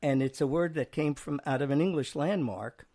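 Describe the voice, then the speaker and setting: Gravelly man reading word definitions. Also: a little high, mellow. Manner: playful, chuckling, reads aloud slowly at times. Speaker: host.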